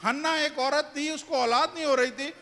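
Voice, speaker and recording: High-voiced preaching pastor in a hall. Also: male voice, fairly even intonation, moderate pace, sharp tone. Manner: preaching with rhetorical questions to the congregation. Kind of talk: sermon. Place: church hall. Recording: church hall reverb with music behind.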